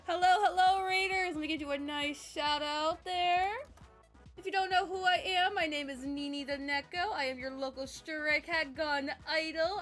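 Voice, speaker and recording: A woman's voice: high voice, a bit bright. A woman game streamer greeting her live audience in a cute, bubbly anime-streamer manner.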